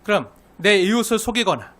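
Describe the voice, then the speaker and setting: A man pastor delivering a sermon in a high, bright voice. He presses each point emphatically and keeps turning to the congregation with rhetorical questions. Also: lively intonation, brisk.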